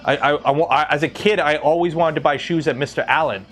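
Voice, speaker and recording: Speaking a little high, fast, and somewhat bright, a Southern Ontario man in his thirties rambles through his 3D printing livestream, filling it with verbal fillers. His Canadian accent is light, and faint music plays behind him.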